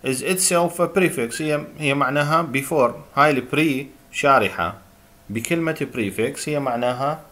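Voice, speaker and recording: A man with an Iraqi Arabic accent giving a recorded university lecture, reading English terms slowly and explaining them, with many hesitant filler sounds. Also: mid-range voice, bright, forceful tone.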